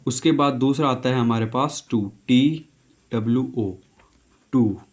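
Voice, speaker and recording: Guy teaching at a board, spells stuff out slow letter by letter, says okay a lot, mid pitch. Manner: spells words letter by letter, repeats pronunciations, keeps saying "okay". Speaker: English teacher. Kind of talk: casual spoken lesson.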